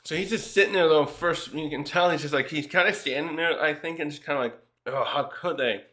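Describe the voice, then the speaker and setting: Bright-voiced man rambling through a recap. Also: on the high side, fast talker. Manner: rambling, many restarts and fillers, reads out character lines. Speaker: manga reviewer. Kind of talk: casual chapter recap.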